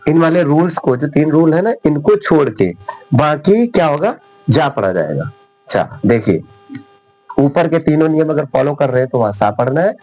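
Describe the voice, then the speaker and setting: A man's voice: on the high side, sing-song, moderate pace, dark tone, faint music behind, rough recording. A man teaching English pronunciation in Hindi, with a sore throat, patiently spelling words out letter by letter. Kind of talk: spoken Hindi English lesson.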